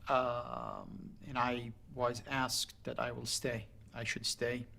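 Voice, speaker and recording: A man, a former federal agent, speaks in a measured, deliberate way in a documentary interview. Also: mid-range voice, huge pitch swings, gravelly, bright, forceful tone.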